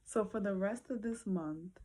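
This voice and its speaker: A woman talking casually to her viewers late at night before bed, thinking aloud with many pauses and fillers. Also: medium pitch, dark tone. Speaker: vlogger.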